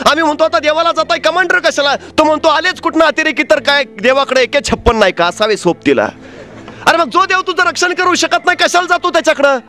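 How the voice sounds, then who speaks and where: A man giving a motivational speech, telling a story with rhetorical questions and dramatic swings between loud and soft. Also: extremely high pitch. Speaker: motivational speaker.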